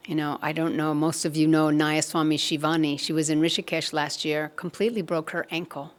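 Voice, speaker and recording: A woman giving a spiritual satsang talk, telling a story in a gentle, measured way. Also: low-pitched, flat delivery. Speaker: satsang speaker.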